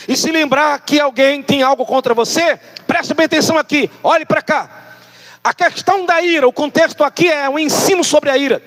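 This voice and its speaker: A male pastor preaching a sermon, emphatic, slowing down and sometimes shouting to stress words. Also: very high voice.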